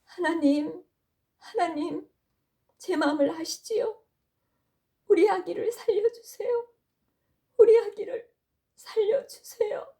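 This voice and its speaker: A woman's voice: extremely high pitch, fairly even intonation, slow, long pauses, mellow, far from the mic, full character voice. A woman voicing a devout, emotional mother with fervent, tearful pleading in a children's story. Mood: desperate prayer. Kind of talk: acted children's Bible storytelling.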